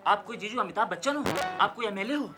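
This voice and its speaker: A man's voice: high voice, expressive, quick pace, over music. An actor playing a stammering, whiny young man, the wife's brother, in a TV sitcom, stuttering and cheeky. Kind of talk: TV sitcom acting.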